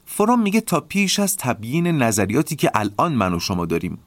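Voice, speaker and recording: A man hosting a podcast, calmly explaining ideas in a reflective lecture and often asking rhetorical questions. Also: medium pitch, no room sound. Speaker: podcast host.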